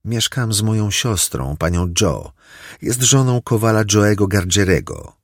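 A small, frightened orphan boy, as a man voices him in a storybook reading, answering timidly and politely. The voice is lifted higher than the reader's own, still husky, and recorded dry. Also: animated, measured pace, no echo.

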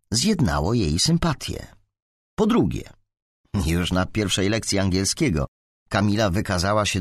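A man narrating an audiobook in an expressive, animated reading. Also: low voice, gravelly, dry recording, studio quality.

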